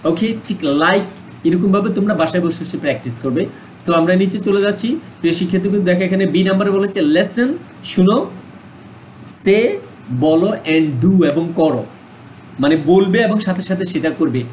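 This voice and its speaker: Male Bangladeshi English teacher, slightly high voice, patient drill-style delivery, faint room noise. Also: fairly quick, darkish tone, low-quality recording. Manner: mixes Bengali and English, repeats words for practice. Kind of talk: online lesson explanation.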